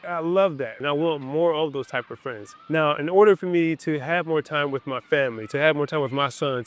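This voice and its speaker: A man's voice: fairly high pitch, a bit bright. A man giving a reflective motivational talk to camera outdoors in a park. He speaks earnestly in short phrases and comes back to his key points. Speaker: business coach.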